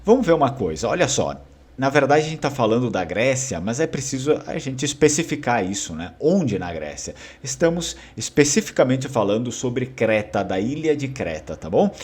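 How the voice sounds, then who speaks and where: A man's voice: mid-range voice, very animated, normal speed, darkish tone, husky. A man with a Brazilian Portuguese accent, explaining a linguistics article in an informal, conversational lecture and checking in with listeners often. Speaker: educator presenting a linguistics article.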